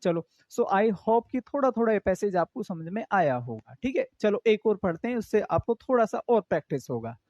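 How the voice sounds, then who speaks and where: A man's voice: sits high, expressive, normal speed, few pauses, darkish tone, no room sound, muffled recording. A man teaching an exam-prep English grammar class, explaining in with English terms and asking his students questions again and again.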